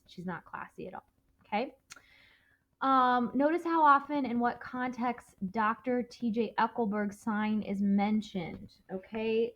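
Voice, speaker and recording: A woman teacher going over a novel with her students, chatty, checking in with "okay?" again and again. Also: a little high. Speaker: English teacher. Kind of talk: recorded classroom lesson review. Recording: dull lo-fi audio.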